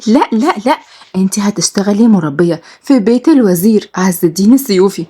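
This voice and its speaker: A woman with an Egyptian accent voicing a loyal, brisk young best friend who scolds and reassures. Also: medium pitch, lively intonation, mellow, breathy edge. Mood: scolding.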